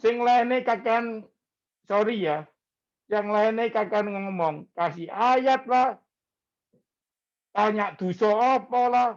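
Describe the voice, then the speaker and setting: A male pastor, preaching in a slow, conversational way and mixing in words. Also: high-pitched, highs cut off. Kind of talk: sermon.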